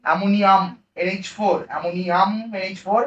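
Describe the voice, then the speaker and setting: A man teaching chemistry in a classroom lecture, lively and coaxing, often checking that the students follow. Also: high voice, quick pace, highs cut off.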